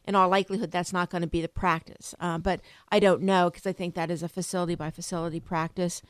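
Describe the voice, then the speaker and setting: A woman answering radio interview questions as an attorney guest, in a halting way. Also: lowish voice, level tone, clean tone, no echo.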